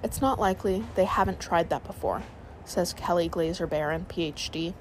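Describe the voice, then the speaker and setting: A woman narrating a sleep story, reading aloud in a calm, soothing way. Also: lowish voice, moderate pace, slight background noise, low-quality recording.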